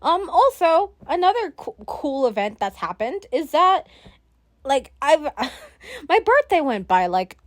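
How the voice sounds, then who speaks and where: A woman's voice: sits high, very animated, takes it slowly. A teenage girl hosting her own podcast, rambling casually with lots of fillers, giggles and self-deprecating asides. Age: teens. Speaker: podcast host. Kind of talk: casual solo podcast chat.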